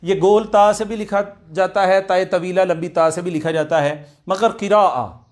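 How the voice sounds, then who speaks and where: High-voiced man drilling Arabic phrases. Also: fairly even intonation. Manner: slow, repeats Arabic words many times for drilling; explains in Urdu, asks students to repeat aloud. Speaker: Arabic language teacher. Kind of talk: online class lecture.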